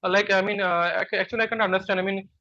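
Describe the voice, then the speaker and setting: A man explaining software features on a video call, halting, with many fillers and restarts. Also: high-pitched, fairly even intonation. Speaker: software developer. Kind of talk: video call work meeting. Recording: dull lo-fi call audio.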